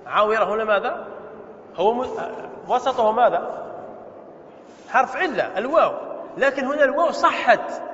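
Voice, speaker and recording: High-voiced man teaching in an echoey hall. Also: lively intonation, a bit bright. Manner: quizzes students with quick questions. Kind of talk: Arabic grammar lesson. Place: mosque hall. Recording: echoey muffled hall recording.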